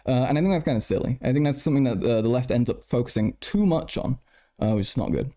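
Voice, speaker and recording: A man's voice: medium pitch, lively intonation, quick pace, dark tone. A tired man chatting casually on a late-night livestream, stuttering, repeating words and swearing as he answers his chat. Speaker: live streamer.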